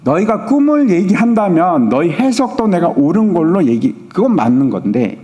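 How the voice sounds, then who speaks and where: A man's voice: sits high, sing-song, moderate pace, mellow, muffled recording. A pastor acting out a furious ancient king who barks threats at his advisers, in a long church hall reverb. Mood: angry. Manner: blustering, barking orders.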